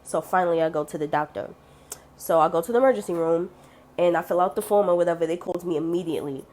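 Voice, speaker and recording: A woman's voice: lowish voice, fast, a little mellow. A young woman vlogger telling a personal story to camera in a casual, blunt way, swearing freely and acting out the people in it.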